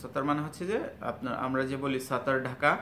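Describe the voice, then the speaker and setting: Man teaching letters in an echoey room. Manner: halting, with many fillers and restarts, sounding out letters slowly and loudly. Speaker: Arabic teacher. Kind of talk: spoken language lesson. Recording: echoey room with faint rumble.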